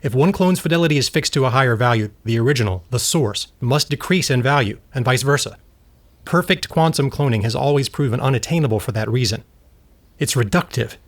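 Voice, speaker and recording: In an audio drama, a man acts as an earnest scientist, a husband absorbed in his work, explaining things precisely. His mid-range voice is brisk and lightly acted, with a grave, urgent mood.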